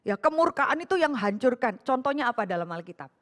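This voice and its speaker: A woman's voice: high-pitched, sing-song, brisk. A woman preaching an interactive sermon to a women's fellowship. She asks the listeners questions and acts out quoted speech.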